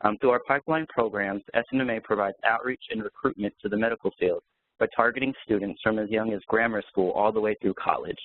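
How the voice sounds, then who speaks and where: A man in his twenties, a medical student from Hawaii who was raised in North Carolina, giving a brisk, scripted presentation over a dry, tinny phone line. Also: on the low side, no room sound. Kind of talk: prepared presentation.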